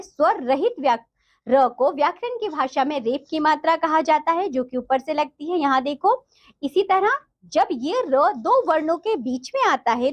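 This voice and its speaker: Woman teacher, high lively pitch, patient and repetitive while walking kids through a workbook. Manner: explains slowly and repeats answers to children. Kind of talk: textbook lesson for children.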